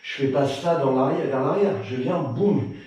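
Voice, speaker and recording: Instructor counting out strikes, echoey room. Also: male voice, fairly high pitch, normal speed, far from the mic, highs cut off. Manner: counting out strikes loudly, pushing the pace; relaxed explaining between drills. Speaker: Krav Maga instructor. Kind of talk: live online fitness and self-defense class.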